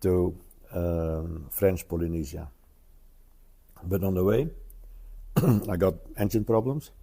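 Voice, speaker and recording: A man in his seventies, an interview guest, speaking hesitantly with many pauses and tag questions. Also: deep voice, vocal fry, mellow, slightly rough. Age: 70s. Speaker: interview guest, retired traveler. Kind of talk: casual conversational interview.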